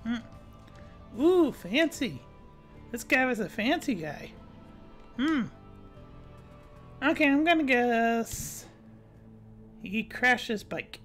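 A woman's voice: on the high side, lively intonation, slow pace, long pauses, a bit bright, soft background music. A woman hosting a let's play, chatting casually and reading dialogue aloud with frequent giggles. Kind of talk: casual gameplay commentary.

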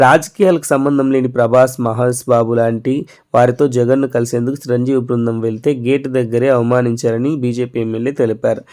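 A man hosting a news channel, narrating the news in a brisk news-reader manner with occasional loose asides. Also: mid-range voice, mellow.

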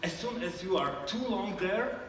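Heard from a distant audience camera in an echoey hall, this Slovak startup founder answers the judges on a theater stage, hesitant and full of fillers and restarts. His voice is high and expressive, fairly bright, at a moderate pace, with slight background noise.

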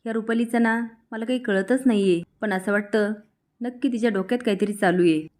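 A woman's voice: mid-range voice, fairly quick, a little mellow, close to an everyday voice. Brief: stern, fretful old patriarch, read by a woman narrator. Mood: worried.

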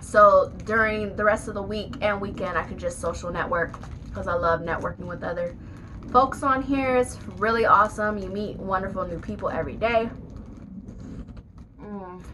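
A woman's voice: mid-range voice, normal speed, background noise. A woman vlogger chatting casually at home, talking while she chews. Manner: chatty, talks while chewing. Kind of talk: casual eating vlog chat. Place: her bedroom at home.

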